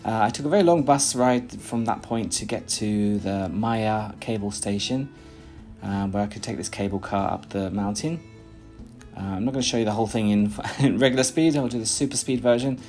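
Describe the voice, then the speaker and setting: A man from Britain in his thirties speaks British English on the low side, a little mellow, at a moderate pace, while faint music plays behind. He's in a small plain room indoors doing casual vlog chat and voice-over narration, rambling chattily with many "uh"s and restarts.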